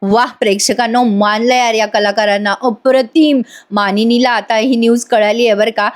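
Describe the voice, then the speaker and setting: A woman's voice: on the high side, fairly even intonation, moderate pace. A woman recapping a TV serial episode in a voice-over, enthusiastic and speaking straight to viewers. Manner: enthusiastic, addresses viewers directly. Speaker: TV serial reviewer.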